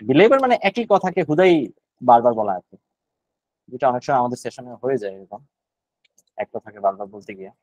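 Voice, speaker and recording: A man's voice: mid-range voice, animated, a little fast, pauses often, darkish tone, dry recording, highs cut off. Man, Bangladeshi accent, casual online vocab lesson, thinks aloud, dry sound. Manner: thinking aloud, searching for words. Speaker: vocabulary session leader.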